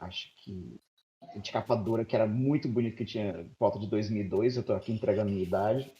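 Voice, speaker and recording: A man's voice: medium pitch, mellow. A man in his thirties from Maranhão, Brazil, hosting a casual group podcast in a playful, talkative way. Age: 30s. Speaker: podcast host. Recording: dull lo-fi recording.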